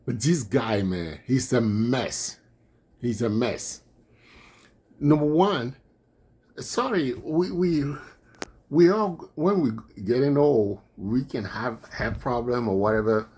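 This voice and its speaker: A man's voice: medium pitch, slow pace, a little mellow, slightly rough. A man with a non-native accent in English, giving indignant political commentary on his own vlog and repeating his points. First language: not English.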